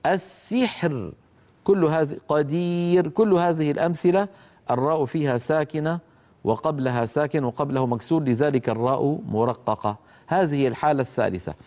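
A middle-aged man teaching Quran recitation rules, explaining a didactic poem, asking his students questions and reciting example words slowly and drawn out. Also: on the high side, darkish tone.

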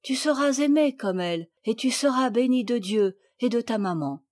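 A woman reading aloud, voicing a gentle, dignified aristocratic mother who speaks tenderly and courteously. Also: on the high side, lively intonation, normal speed, natural voice.

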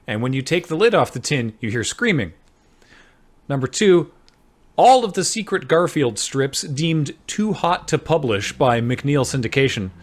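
A man's voice: mid-range voice, sing-song, measured pace. A man hosting, presenting absurd choices in a showy comedic style. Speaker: host. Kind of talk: comedic game-show presenting.

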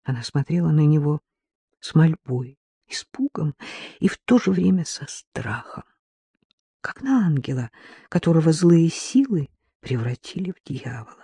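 A woman narrates a literary novel with measured, emotional delivery. Her voice is warm, soft and a little breathy. The recording is close and dry. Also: low-pitched, sing-song, dry recording. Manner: measured, emotional, slowing on key phrases. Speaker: audiobook narrator.

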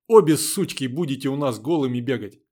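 A man's voice: fairly high pitch, very animated, normal speed, husky. A man reading the part of a young woman who scolds her friend through tears. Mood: sharp scolding. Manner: soft, tearful.

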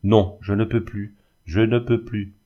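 A man's voice: on the low side, steady tone, a little slow, dull audio, close to an everyday voice. A man reading aloud and voicing a tender, tearful old village schoolmaster who pleads in broken phrases and then forces cheer into his voice. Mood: sobbing.

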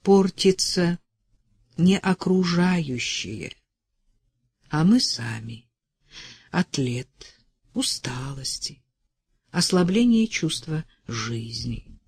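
A woman's voice: mid-range voice, darkish tone. A woman reading a pensive old conductor. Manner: pensive, measured. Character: thoughtful older male conductor, reflective.

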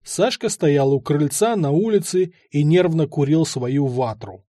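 A man narrating a first-person story in an expressive, ironic way. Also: on the high side, a little slow, no room sound, clean studio sound. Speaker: audiobook narrator.

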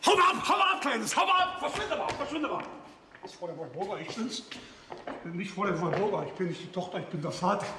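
A male actor playing an aging, grandiloquent former theatre director who bursts into shouting. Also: extremely high pitch, expressive, normal speed, noisy background. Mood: flustered. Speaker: stage actor. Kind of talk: stage acting. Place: theatre stage. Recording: echoey theatre stage.

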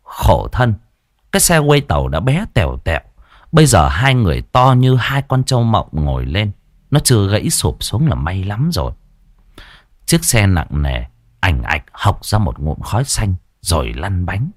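A man narrating a scripted ghost story in a lively, expressive way. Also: lowish voice, moderate pace, no echo, clean studio sound.

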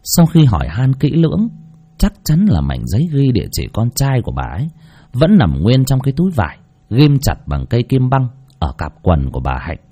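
Husky male storyteller, wide-ranging delivery. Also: mid-range voice. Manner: slow, dramatic, expressive storytelling. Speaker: narrator. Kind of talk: scripted story narration.

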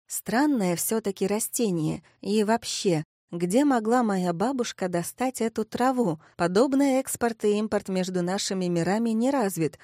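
A young woman narrating a first-person audiobook in a lively, self-mocking inner-monologue manner, on a close studio mic. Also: medium pitch, normal speed, no echo.

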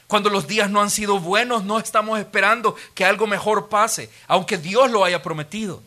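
A man, preaching a sermon as a pastor and retelling the story in an animated, vivid way. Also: high-pitched, moderate pace.

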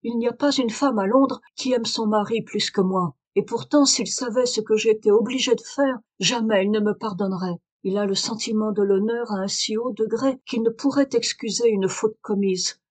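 A woman's voice: fairly high pitch, moderate pace, few pauses, lightly acted. A woman reader voicing a desperate aristocratic young wife in a French audiobook, pleading and urgent. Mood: anxious confession. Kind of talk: audiobook reading of a detective story.

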